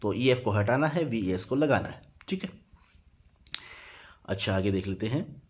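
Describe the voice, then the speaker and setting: A man's voice: on the low side, lively intonation, normal speed. A man teaching English grammar in a Hindi lesson. He spells words out letter by letter and keeps checking in with "theek hai" after each point.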